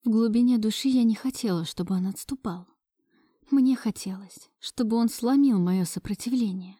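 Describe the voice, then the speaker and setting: Woman with a mellow, measured narration. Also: a little high, breathy edge, no echo, studio quality. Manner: measured, expressive storytelling. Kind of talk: first-person audiobook narration.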